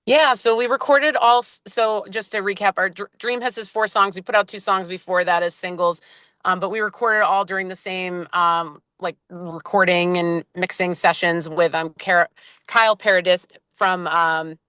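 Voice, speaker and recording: A woman with a mid-range voice speaks at a moderate pace in a bright, forceful tone, her intonation fairly even and the recording dry. She's a Boston-area band member guesting on an interview, just up from a nap, chatting casually and rambling with lots of fillers and restarts.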